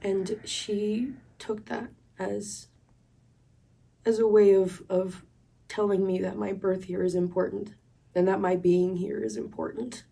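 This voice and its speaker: A woman from Colombia sharing a personal faith testimony in a reflective, earnest way, with pauses. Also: medium pitch, level tone, creaky, slightly rough. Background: soft instrumental music.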